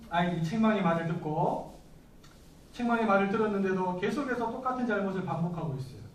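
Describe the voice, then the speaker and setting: High-voiced pastor preaching in an echoey hall. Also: male voice, slight background noise. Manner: conversational preaching with questions to the congregation. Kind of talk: sermon. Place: church hall. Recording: echoey room from far off.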